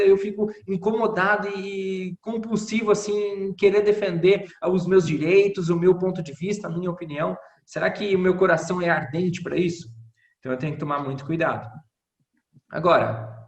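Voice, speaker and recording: Man teaching a Bible lesson, high voice. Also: echoey room, dull audio. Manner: reflective, asks many rhetorical questions. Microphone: video call.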